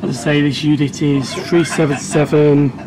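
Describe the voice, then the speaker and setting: A man with a fairly high voice talks casually as a vlogger. He gives running commentary outdoors, with faint station noise behind him. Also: flat delivery, normal speed. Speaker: vlogger filming trains.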